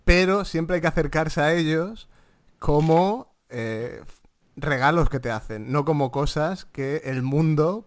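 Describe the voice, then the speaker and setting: A man hosts a casual podcast. He talks in a measured, even way and keeps the conversation on track at a plain mid pitch. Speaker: podcast host.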